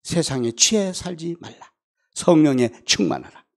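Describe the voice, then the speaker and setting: A man, a pastor, preaching a revival sermon and telling a personal story, acting out the other voices and swinging from hushed to loud. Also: a little high, big pitch swings, moderate pace. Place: church.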